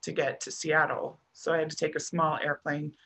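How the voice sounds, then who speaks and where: A middle-aged American woman telling a personal story as a podcast guest, halting and restarting often with soft trailing pauses. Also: sits low, level tone. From United States.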